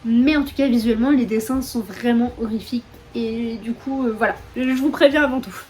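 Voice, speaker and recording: In a fairly high, fairly quick and slightly mellow voice, a young woman with a French accent makes casual book-vlog chatter, laced with fillers and jokes at her own expense. The setting is a room at home, windows open to a storm, leaving faint sounds of wind and rain.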